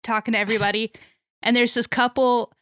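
A woman's voice: on the high side, little pitch movement, brisk, fairly bright tone, no room sound. Giggly young Texan woman, dry sound. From Texas. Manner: giggly, chatty, many fillers. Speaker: podcast co-host. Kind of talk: casual chat.

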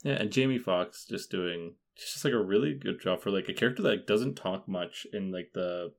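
A man's voice: deep voice, moderate pace, creaky. A man chatting casually about a film on a podcast, rambling with many fillers and frequent laughter.

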